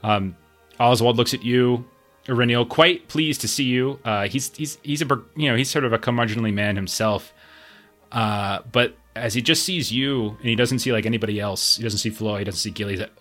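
A man's voice: medium pitch, a little fast, a bit bright, faint music behind. A man working as game master, narrating a tabletop game in a casual, improvising, conversational manner.

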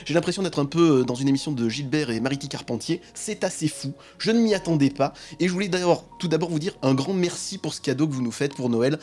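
A man's voice: a little high, quick pace, hardly any pauses, a little mellow, faint music behind. A man hosting a podcast with a honking, duck-like voice from being sick, presenting in a playful, theatrical way. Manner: theatrical, joking. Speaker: podcast host.

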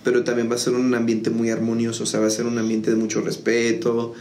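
A man talks through his story as a guest in a casual interview, in a loose, rambling way full of fillers and restarts. His voice sits at an ordinary pitch. The room is echoey, with a faint noise underneath. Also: completely flat delivery, quick pace, darkish tone. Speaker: music school founder, guest.

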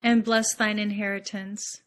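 Female congregant, formal liturgical responses, middle pitch, little melodic movement. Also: flat delivery, measured pace, fairly bright tone. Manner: formal recitation.

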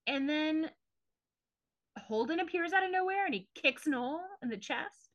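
A woman's voice: high-pitched, lively intonation, unhurried, fairly bright tone, dry recording. A woman co-hosting a podcast, casually retelling scenes with lots of fillers. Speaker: podcast co-host. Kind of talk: casual recap chat. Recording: dull lo-fi podcast audio.

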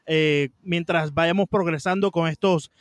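A man's voice: a little high, fairly even intonation, a little slow, no room sound. A man co-hosting a sports podcast in casual chat, speaking Spanglish, mixing English words into his Spanish.

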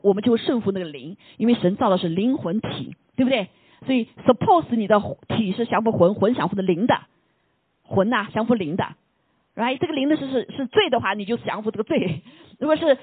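A husky preacher speaks with a lively, swinging pitch, giving a casual sermon full of questions put to the listeners. English words slip into the talk, and many lines end on a soft "ha". The sound is thin and phone-like, with a dry, close feel and no room echo. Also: quick pace. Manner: asks the listeners rhetorical questions; mixes English words into Chinese speech. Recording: tinny phone-like line, dry.

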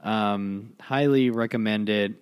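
A man co-hosting a podcast, talking about films in an easygoing, halting way with many fillers. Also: lowish voice, steady tone, smooth. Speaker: podcast co-host. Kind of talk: casual chat.

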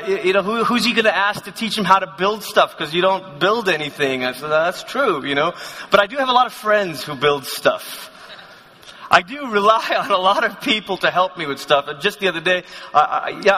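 A man's voice: high-pitched, bright, forceful tone. A man in his thirties from Malaysia, telling personal stories to a conference crowd in a chatty, self-deprecating way with many restarts. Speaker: conference speaker. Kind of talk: sermon, personal storytelling. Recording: long hall reverb.

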